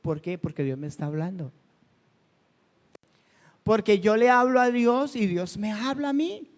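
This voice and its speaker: A man's voice: sits high, animated, a little slow. A male pastor preaching a sermon in a conversational way, asking his congregation questions and telling personal stories. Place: church hall. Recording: long hall reverb.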